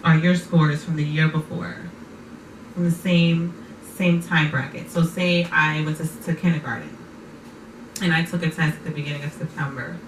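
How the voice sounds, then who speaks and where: A low-pitched woman speaks at a normal pace in a steady tone, hosting a casual talk-show podcast. She often affirms her guest and echoes their words back. The recording is noisy, with an echoey room and a distant mic.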